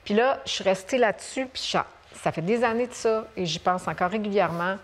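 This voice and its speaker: A woman from Quebec with a Québécois accent, a guest author telling stories in a relaxed chat, full of fillers and restarts. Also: mid-range voice, a little fast. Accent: Québécois French. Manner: animated storyteller, many fillers and restarts. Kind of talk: casual conversation on a talk show.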